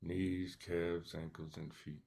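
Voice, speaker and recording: A man leading a guided meditation, speaking softly and calmly with long pauses between short instructions. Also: deep voice, creaky. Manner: slow, calm, soft-spoken instructions with pauses. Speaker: meditation teacher.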